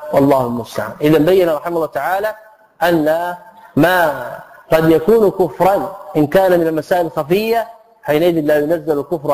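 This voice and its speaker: A man's voice: fairly high pitch, a little mellow, poor audio. A middle-aged man teaching a religious lesson, reading from a text and explaining it with rhetorical questions. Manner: reads a passage, then explains it with rhetorical questions. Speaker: Islamic scholar teaching a lesson.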